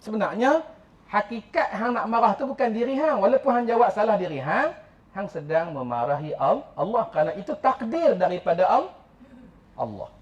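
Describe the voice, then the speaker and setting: A man with a northern Malaysian Kedah accent giving a mosque religious lecture, animated and teasing, breaking into chuckles and mock quotes. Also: high voice, normal speed. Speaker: religious teacher. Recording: dull lo-fi mosque recording.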